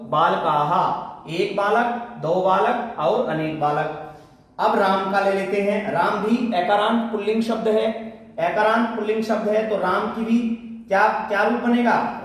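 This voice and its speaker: High-voiced Hindi-accented teacher in an echoey room. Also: male voice. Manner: patient, repeats questions and answers them himself. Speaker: Sanskrit teacher. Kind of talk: online class lesson. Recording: very echoey room, a bit far from the mic.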